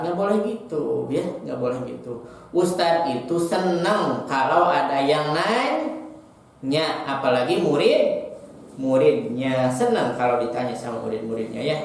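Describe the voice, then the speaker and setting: Slow-talking Sundanese-accented teacher, echoey room. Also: medium pitch. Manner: patient, repeats key words, asks the children questions. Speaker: Islamic school teacher. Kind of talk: lesson to primary school children.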